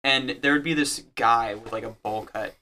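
A man's voice: medium pitch, normal speed, sharp tone. A man co-hosting a casual podcast, teasing his partner and laughing often. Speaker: podcast co-host.

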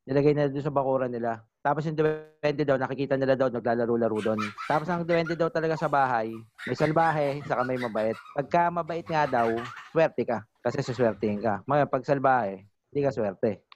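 A man co-hosting a casual podcast chat, telling stories in an animated way and laughing often. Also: medium pitch, a little fast, a little hiss or hum. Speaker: podcast co-host. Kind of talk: casual drinking-session chat. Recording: dull, dry lo-fi audio.

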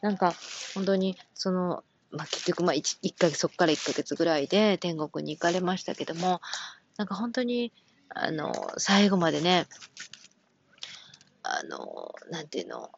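A woman with a Kansai accent, gently telling a personal story from her work as a caregiver, with many soft fillers. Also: fairly low pitch, sing-song, moderate pace, creaky, muffled recording, a little hiss or hum. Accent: Kansai Japanese. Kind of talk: casual radio-style talk.

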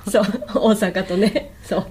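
A woman hosting a casual chat, laughing often and agreeing quickly. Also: mid-range voice, a little mellow, breathy edge. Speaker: host.

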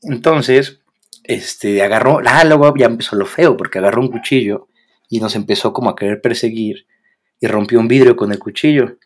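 A man's voice: mid-range voice, normal speed. A young man with a Mexican accent, co-hosting a podcast and casually telling a story with lots of slang and acted-out quotes. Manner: animated, slangy, acts out quoted voices. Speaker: podcast co-host.

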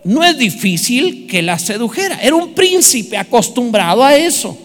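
Lively high-voiced pastor preaching in a hall. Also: male voice, normal speed. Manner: lively, humorous preaching with asides to the congregation. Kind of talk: sermon.

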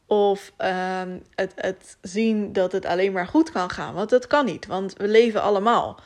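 A woman's voice: mid-range voice, measured pace. A woman hosting a personal solo podcast, talking candidly and emotionally, jumping from topic to topic with many fillers. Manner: rambling, jumps from topic to topic. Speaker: podcast host.

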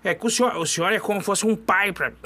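A man's voice: sits high, fast talker, pushed and bright. A man voicing a nervous, rambling young male ranch hand in a comedy sketch, stammering and repeating himself.

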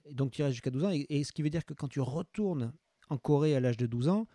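A man's voice: fairly high pitch, fast, mellow, dry recording. A man hosting a casual interview, chatty and asking leading questions. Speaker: podcast host.

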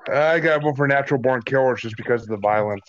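A man in a casual podcast chat, throwing in dry, deadpan jokes. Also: mid-range voice, fast talker. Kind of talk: casual banter. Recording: dull lo-fi sound.

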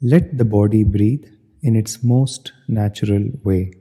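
Leading a guided meditation, a man speaks slowly with a very soft, dark tone that sits on the low side and is slightly rough. His instructional phrases are measured and spaced apart, and a long reverb like a hall surrounds them.

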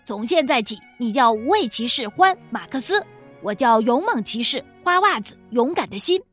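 A woman's voice: fairly high pitch, moderate pace, breathy edge, soft background music. A woman voicing a brave, boastful young male crow who squawks and gets indignant easily. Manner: excitable and indignant.

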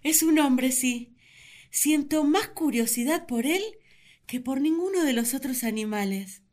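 Eve, curious talky first woman, lively up and down voice. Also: high voice, a little slow. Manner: chatty, wondering, expressive. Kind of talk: radio drama narration.

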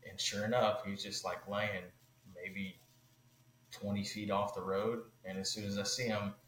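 A man, a podcast guest, telling a long story in a casual, animated way, with many fillers. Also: on the low side, a little slow, roomy sound, slight background noise, rough recording.

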